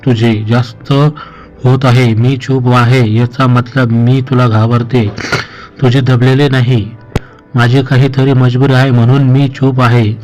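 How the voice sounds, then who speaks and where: A man's voice: medium pitch, level tone, measured pace, soft background music, close to an everyday voice, poor audio. A man voicing a young woman who begs her friend to let her stay a few more days. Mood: pleading. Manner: pleading, quietly defiant.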